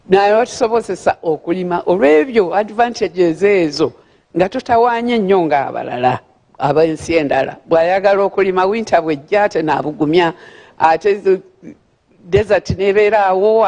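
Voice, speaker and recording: A woman's voice: lowish voice, a little mellow. Older Ugandan woman speaking in a hall. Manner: chatty, repeats words while searching for them, laughs at her own remarks. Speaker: guest speaker at a gala. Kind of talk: formal speech with friendly asides. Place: large banquet hall. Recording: long hall reverb.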